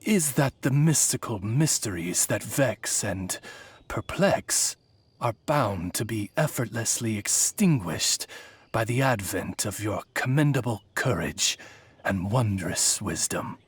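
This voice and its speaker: A man's voice: lowish voice, animated, takes it slowly, husky, no room sound, full character voice. A man voicing a loyal, dignified raven familiar who serves as a butler-like interpreter in an overacted anime game dub, with formal, florid diction.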